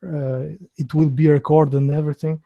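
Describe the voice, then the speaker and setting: Hosting a live video interview online, this Albanian man in his thirties speaks haltingly, full of fillers and false starts, in his native Albanian accent. His pitch is on the high side and his delivery is flat, while the recording has its highs cut off.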